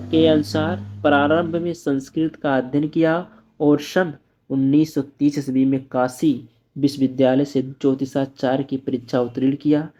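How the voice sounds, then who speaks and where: A male teacher going through exam-paper answers, reading each answer slowly and explaining it simply. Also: fairly high pitch, dark tone, dull audio. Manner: reads answers aloud slowly, then explains in plain asides. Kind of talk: exam-prep lesson.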